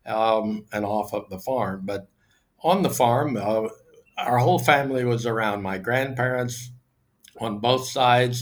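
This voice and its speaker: An older American man from Oklahoma, over sixty, answering interview questions in a measured, halting way with frequent pauses. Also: lowish voice. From Oklahoma, United States. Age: 60s or older. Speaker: podcast guest, business executive. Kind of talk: casual interview talk.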